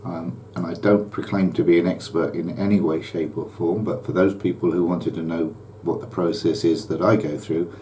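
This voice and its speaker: A man's voice: low voice, moderate pace, hardly any pauses, slight background noise. An older man, a hobby pilot, talking casually to camera about his flying and his videos, with frequent ums and uhs. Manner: relaxed and chatty, with many ums and uhs. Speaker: private pilot vlogger. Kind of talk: casual vlog chat.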